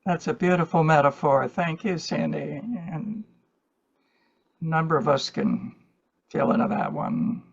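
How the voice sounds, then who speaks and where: A man leads a spiritual gathering in a measured, reflective manner. His voice sits a little high and crackles with fry, and he takes his time. The sound is dull and muffled. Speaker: group host and meditation leader. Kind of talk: spiritual talk and group facilitation.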